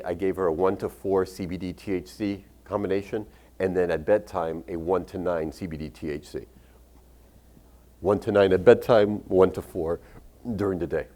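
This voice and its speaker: A man's voice: sits low, warm tone. A man who is a doctor recommending medical cannabis, telling patient stories in a candid way with casual swearing. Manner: candid storytelling with casual profanity. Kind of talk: expo talk with patient stories.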